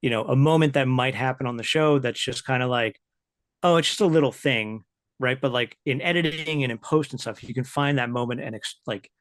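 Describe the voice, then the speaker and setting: A man chatting as a podcast guest in a relaxed, rambling way. He peppers his talk with fillers and laughs easily. His voice sits at a middling pitch, recorded close and dry. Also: fairly quick, hardly any pauses, no room sound. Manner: loose and chatty, many "like" fillers, laughs often. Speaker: podcast guest, writer and editor. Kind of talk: casual interview chat.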